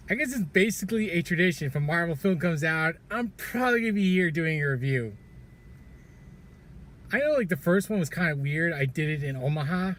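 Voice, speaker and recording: A man's voice: on the high side, fairly bright tone, a little hiss or hum. A man giving a casual film review in a parking garage, chatting loosely, laughing often and stumbling over his words. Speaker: movie reviewer.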